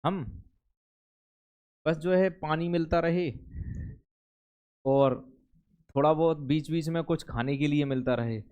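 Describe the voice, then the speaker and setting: Speaking slowly with long pauses, this Indian teacher has a high, clear voice, though the tone is darkish and the highs are cut off. He chats with his class and slips in jokes between passages he reads aloud.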